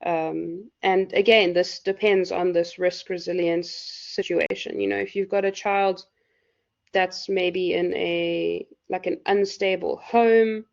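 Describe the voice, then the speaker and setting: Croaky woman lecturing, gravelly and dull. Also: fairly low pitch, steady tone, slow. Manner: loose, filler-heavy explaining. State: hoarse. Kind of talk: live university lecture. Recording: dull lo-fi recording.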